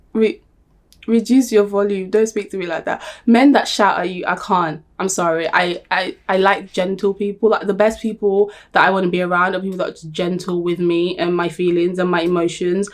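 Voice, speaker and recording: A young woman talking to camera in a blunt, emphatic, animated way, laughing often. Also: mid-range voice. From Nigeria. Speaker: vlogger. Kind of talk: casual talk to camera.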